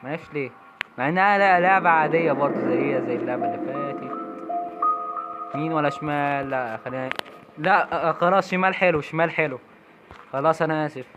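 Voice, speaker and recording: A man's voice: a little high, fast talker, pauses often, dull audio, music in the background. A young Egyptian man commenting on a horror game as he plays, jumpy and talking to himself, cursing when startled. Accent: Egyptian Arabic. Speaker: gamer streamer.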